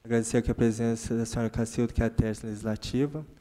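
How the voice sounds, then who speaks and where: A man chairing a council committee meeting in a formal, measured way at a desk mic. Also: medium pitch, fairly even intonation, warm tone. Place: council chamber.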